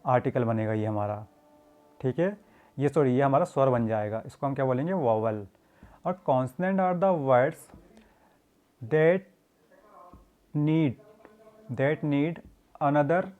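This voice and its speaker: A man's voice: mid-range voice, darkish tone. A man teaching an English grammar lesson, explaining in Hindi mixed with English and calling his students "beta".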